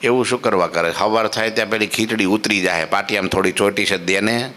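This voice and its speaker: A man voicing a soft coaxing holy man. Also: lowish voice, fairly quick, slight background noise, pitched below the performer's own voice.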